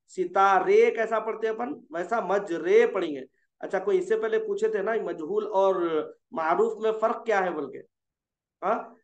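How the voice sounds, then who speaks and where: A man's voice: high-pitched, roomy sound. A man teaching a Quran recitation class. He poses questions to the class, answers them himself and repeats the key points. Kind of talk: classroom lesson.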